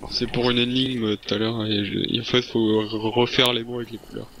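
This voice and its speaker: A man's voice: medium pitch, flat delivery, moderate pace, vocal fry, a crowd in the background. A man chatting casually and informally with friends as they work through a game puzzle, with the odd swear word. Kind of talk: casual gaming chat while solving a puzzle.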